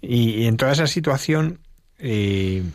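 A man's voice: mid-range voice, expressive, measured pace, dry recording, studio quality. A man interviewing a priest, prompting him hesitantly with fillers.

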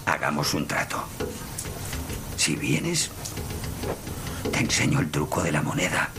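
A man's voice: a bass voice, sing-song, a little slow, gravelly, over music, full character voice. A man dubbing a playful, affectionate older father in a film, talking in a coaxing, jokey way. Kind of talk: Spanish film dub.

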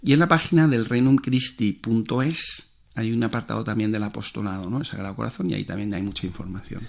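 Gravelly priest. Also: male voice, on the low side, fast. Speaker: priest guest. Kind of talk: casual radio interview storytelling.

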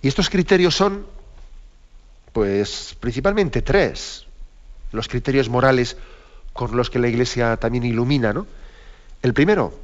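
Male lecturer, mid pitch, measured and explanatory with frequent tag questions, slightly dull lo-fi recording. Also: expressive. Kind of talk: spoken lecture to a class.

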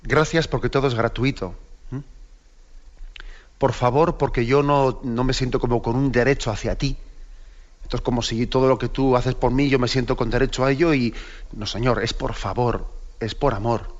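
A bishop with a Spain Spanish accent teaches the catechism in a relaxed, conversational way, often turning to his listeners with quick tag questions. His voice sits at an ordinary male pitch. The recording is a little dull and lo-fi. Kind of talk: catechesis talk.

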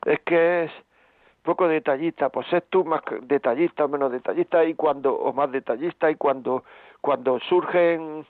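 A man's voice: a little high, normal speed, dry recording. A man presenting relationship advice on the radio, talking emphatically and repeating himself with rhetorical questions. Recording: phone-like band, dry.

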